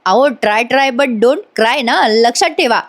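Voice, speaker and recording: A man's voice: very high-pitched, measured pace, fairly bright tone. A woman voicing a polite, reassuring young hero in a spoken serial retelling. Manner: polite, soothing.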